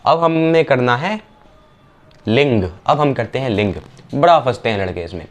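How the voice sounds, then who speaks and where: A young man teaching an exam revision lesson, briskly reading out word pairs and checking that the students follow. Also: mid-range voice, animated. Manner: brisk, repetitive drilling with quick checks on the students.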